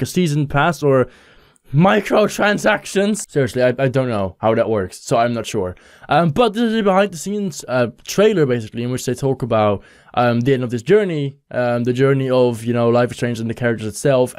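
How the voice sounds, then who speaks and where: A man's voice: mid-range voice, a little mellow, dry recording, clean studio sound. Rambling man hosting a reaction video. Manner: rambling, hesitant with many fillers. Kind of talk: casual commentary.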